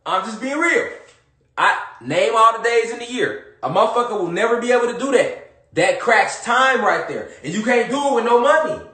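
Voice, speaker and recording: A man's voice: very high-pitched, expressive, moderate pace, sharp tone. A man talking straight to his listeners in a casual monologue, emphatic and profane, repeating his points again and again. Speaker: social media commentator. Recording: echoey room.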